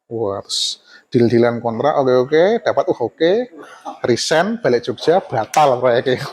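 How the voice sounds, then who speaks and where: A man's voice: medium pitch, unhurried, darkish tone. A man in his forties, an architect guest telling stories casually, often laughing and dropping into Javanese phrases. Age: 40s. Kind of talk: casual storytelling conversation.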